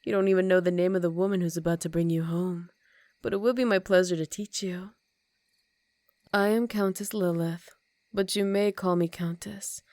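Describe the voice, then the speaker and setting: An ageless, aristocratic vampire countess, acted by a woman purrs in a lowish voice for an ASMR roleplay. Her phrasing is formal and dramatic, slipping toward whispers, seductive and condescending with a predatory edge. The sound is intimate and dry, free of room echo. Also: steady tone, normal speed, a little mellow, close to an everyday voice. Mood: teasing, seductive.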